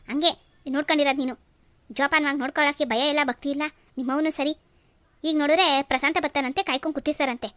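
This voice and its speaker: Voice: sits high, fairly bright tone, no echo. One performer voicing a scolding young husband. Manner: accusing, scolding. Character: angry young husband scolding his in-laws. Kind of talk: cartoon voice acting.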